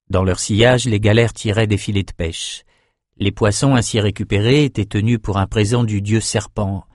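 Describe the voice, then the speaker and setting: A man narrating an audiobook in a steady, measured storytelling voice, close to the mic. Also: fairly low pitch, no echo.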